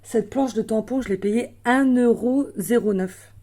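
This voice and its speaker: A woman's voice: on the high side, a little slow, warm tone. A woman casually showing her craft purchases to viewers, chatty with many fillers and small self-corrections. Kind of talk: casual show-and-tell.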